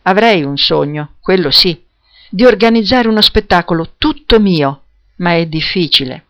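Storybook casting: reader doing a young female clown, soft and wistful, dry sound. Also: medium pitch, lively intonation, moderate pace, dry recording, lo-fi sound. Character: young woman street clown, hopeful but unsure.

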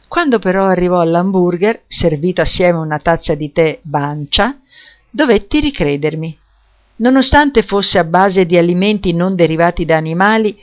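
Woman reading a story, lowish voice. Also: highs cut off. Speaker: narrator. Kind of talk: scripted story narration.

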